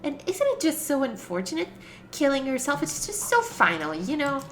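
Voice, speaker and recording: Lady doing a smug game robot bear villain, super theatrical and taunting, pitch all over the place. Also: huge pitch swings, normal speed. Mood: theatrical, mocking. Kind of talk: video game character read-aloud.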